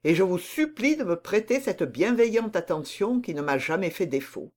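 An anxious young nobleman in love pleads his case in an audiobook scene, as the reader gives him voice. The delivery is earnest and urgent, with a lively, wide-ranging pitch. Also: normal speed, natural voice. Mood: earnest pleading. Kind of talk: audiobook reading of dialogue.

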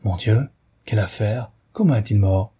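A man's voice: fairly low pitch, normal speed, dark tone, slightly rough. A man reading an audiobook aloud, voicing a wary male naturalist who asks probing, overly polite questions. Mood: anxious. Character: smooth, wary male naturalist hiding alarm.

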